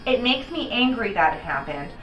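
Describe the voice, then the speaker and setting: Tipsy, animated American woman in echoey room. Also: on the high side, moderate pace, muffled recording. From Baltimore area, United States. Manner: tipsy, rambling; theatrical, exclamatory, swearing. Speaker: drunk review show host. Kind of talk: casual opinionated chat. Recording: echoey room, distant mic, background music.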